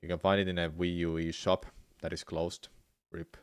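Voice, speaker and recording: Low-voiced man, speedrunner chatting while playing. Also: level tone, moderate pace, clean tone, dry recording. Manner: speedrunner talk, offhand half-distracted replies to chat while playing. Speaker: speedrunner streaming live game attempts. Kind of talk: casual speedrun livestream chat. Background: music.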